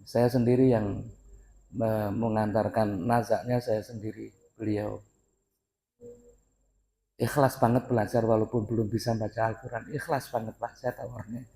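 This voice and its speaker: A man's voice: lowish voice, flat delivery, moderate pace, pauses often, warm tone. A middle-aged man giving an informal dawn sermon in a mosque, telling a story with frequent laughs and addressing the listeners as "Pak".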